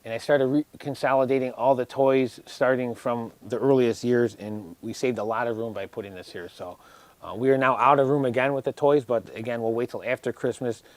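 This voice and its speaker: A man's voice: mid-range voice, fairly even intonation, a little fast, no echo. A man in his forties chatting casually as he gives a tour, explaining practical details in a matter-of-fact way. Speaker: warehouse business owner giving a tour. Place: indoors, large warehouse storage aisle.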